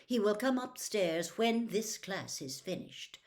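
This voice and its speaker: A woman voicing a cold, curt, menacing male potions teacher in a storybook reading, snapping out deliberate orders. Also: medium pitch, expressive, voice pushed up, natural voice.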